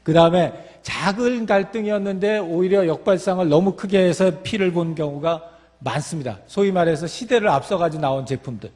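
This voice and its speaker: A man's voice: high voice, fairly quick, darkish tone. Man lecturing in a reverberant hall. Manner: explanatory, with fillers and restarts. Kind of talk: lecture talk.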